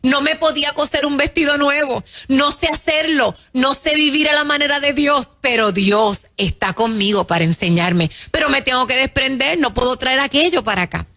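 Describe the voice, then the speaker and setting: A woman preaching in an emphatic sermon style on a radio show, calling her listeners her children and slowing down to stress key phrases. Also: high voice. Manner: warm, emphatic, addresses listeners as "mis hijos".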